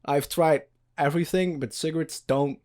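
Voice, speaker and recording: A man's voice: on the high side, fairly even intonation, moderate pace, darkish tone. A young man from the Netherlands, hosting a casual podcast chat, rambling loosely, swearing and laughing often. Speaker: podcast host.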